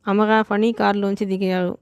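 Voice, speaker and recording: A woman narrates a novel as an audiobook in a steady, measured way. Her pitch stays flat, and the close, dry recording has no room sound. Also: clean tone, dry recording, lo-fi sound. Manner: steady storytelling, reads all parts.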